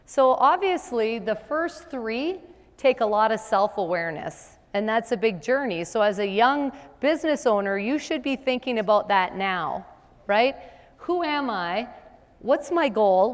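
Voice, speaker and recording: A woman's voice: on the high side, expressive, moderate pace. Middle-aged woman presenting a seminar. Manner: conversational, asks the audience rhetorical questions. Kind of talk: business seminar talk. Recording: long hall reverb.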